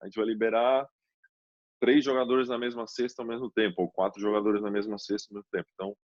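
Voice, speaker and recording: Calm man on a dull, dry line. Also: lowish voice, fast, no room sound. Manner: calm, explanatory. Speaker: guest, basketball player. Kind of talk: casual podcast chat.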